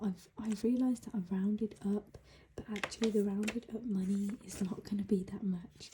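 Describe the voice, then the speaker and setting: Hushed, half-whispering British woman, very soft. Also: medium pitch, a little hiss or hum, poor audio. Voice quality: soft, breathy, largely whispered. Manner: hushed, quiet early-morning voice so as not to wake others. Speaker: budgeting vlogger. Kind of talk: casual chat while counting cash. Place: indoors at home.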